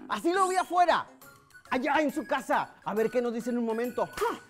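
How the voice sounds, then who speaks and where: A woman with a Mexican accent hosting a children's TV show. Her voice is fairly high and swings widely in pitch as she jokes and teases. Light music plays faintly behind her. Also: brisk. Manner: animated, playful, teasing. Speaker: children's TV host.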